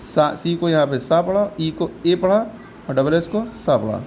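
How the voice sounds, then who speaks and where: A man's voice: on the high side, animated, normal speed, a little mellow, slight background noise. A man teaching English reading, patiently repeating each sound and quizzing his learner step by step. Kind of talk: step-by-step phonics lesson.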